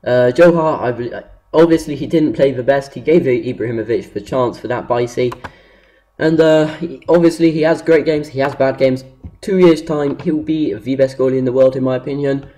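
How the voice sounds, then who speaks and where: Male gaming YouTuber, mellow and dark tone; hesitant, rambling off-the-cuff commentary. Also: medium pitch, normal speed. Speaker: gaming video host. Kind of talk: casual unscripted commentary.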